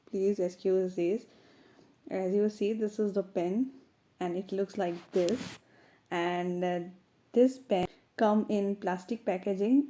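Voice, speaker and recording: A woman's voice: medium pitch, warm tone. A woman with an Indian accent narrating a casual product review, her voice affected by a cold.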